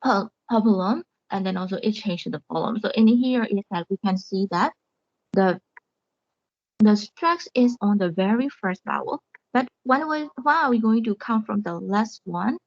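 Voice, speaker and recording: A woman's voice: medium pitch, animated, moderate pace, no echo, highs cut off. A woman student giving an online class presentation, speaking hesitantly with many fillers and frequent self-corrections. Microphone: video call.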